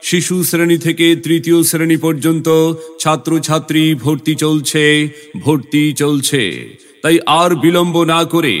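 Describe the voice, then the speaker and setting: A man delivers a scripted promotional announcement in a formal, measured way. His voice sits a little high and stays on a very even pitch, pressing each phrase with emphasis. Light music plays behind him. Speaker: announcer for a school admission advert.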